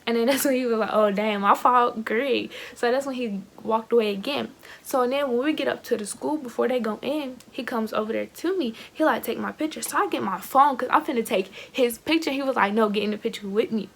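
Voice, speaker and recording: A teenage girl chats into her phone camera, telling a storytime to her viewers with slang, fillers and plenty of "y'all". Her voice sits a little high and often drops into a gravelly vocal fry. The whole thing sounds casual and unscripted. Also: a little fast. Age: teens. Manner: chatty, animated, lots of fillers and slang, addresses viewers as y'all. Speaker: vlogger.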